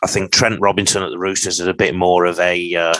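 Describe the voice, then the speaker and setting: Low-voiced man musing at length. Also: flat delivery, fast talker, bright, forceful tone, a little hiss or hum, rough recording. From England. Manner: opinionated, rambling analysis. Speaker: podcast co-host. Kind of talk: casual podcast discussion.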